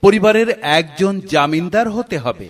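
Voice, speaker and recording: A man's voice: high voice, expressive, normal speed. A man with a Bangladeshi accent acting in a scripted shop advertisement as an agreeable, keen announcer. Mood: promotional. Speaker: advertisement voice artist.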